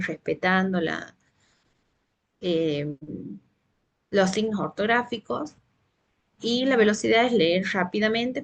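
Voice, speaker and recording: A woman leads a teacher workshop at a middle pitch. She explains patiently, often pausing on "eh" and restarting her phrases. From Santiago del Estero, Argentina. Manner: explanatory, frequent hesitations and restarts. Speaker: literacy trainer for teachers. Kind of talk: teacher training presentation.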